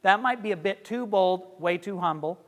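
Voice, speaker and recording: A man presenting a workshop, energetic and joking, quizzing his audience as he teaches. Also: sits high, normal speed. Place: lecture room with audience. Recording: long hall reverb.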